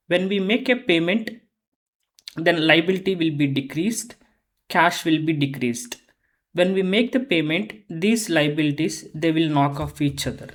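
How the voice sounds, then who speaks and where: An instructor with a medium-pitched voice teaches a lesson on accounting software, explaining methodically step by step and often repeating phrases.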